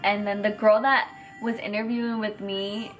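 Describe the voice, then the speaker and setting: A young woman from chatting excitedly on camera at home, with lots of fillers and retold conversations. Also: medium pitch, normal speed, soft background music. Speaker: vlogger. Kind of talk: casual chat.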